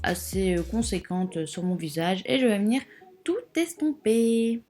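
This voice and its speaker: A woman's voice: fairly low pitch, moderate pace, a little mellow. A young woman casually narrating a makeup tutorial, rambling with lots of fillers and joking asides. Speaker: beauty vlogger.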